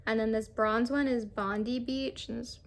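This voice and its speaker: Young woman, beauty vlogger, casual rambling chat, gravelly fry, slightly high voice. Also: fairly even intonation, normal speed. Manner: chatty, rambling, with many fillers. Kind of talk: casual makeup try-on chat.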